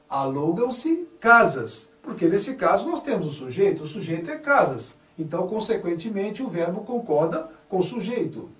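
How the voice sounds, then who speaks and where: A high-voiced man teaches grammar at a slow, deliberate pace, leaning hard on each corrected word. His voice rises and falls a lot. He sits back from the mic in an echoey room. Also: far from the mic. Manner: spells out words carefully, stressing correct forms.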